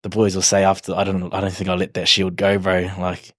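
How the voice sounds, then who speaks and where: A man's voice: low voice, completely flat delivery, fairly quick, fairly bright tone, no echo, clean studio sound. A man in his twenties with a broad New Zealand accent, chatting casually in an interview in a laid-back, slangy, hesitant way. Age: 20s. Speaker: rugby league player, podcast guest.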